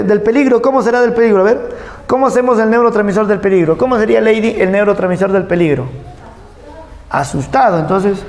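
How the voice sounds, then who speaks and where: Playful high-voiced teacher. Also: male voice, darkish tone, roomy sound, a little hiss or hum. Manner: playful, jokey, asks the class questions and acts out sounds. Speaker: anatomy teacher. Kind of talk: lively class lecture.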